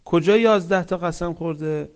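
A man preaching a sermon with stories, swinging between loud emphatic lines and soft hushed ones, reciting Quranic verses. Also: a little high, smooth. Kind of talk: religious sermon with storytelling.

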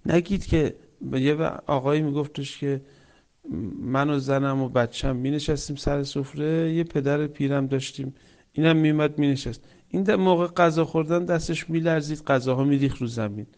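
Emotive male preacher, high voice. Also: steady tone. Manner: emotive, swings from loud emphatic to soft hushed tones; recites Quranic verses in Arabic chant. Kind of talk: religious sermon with storytelling.

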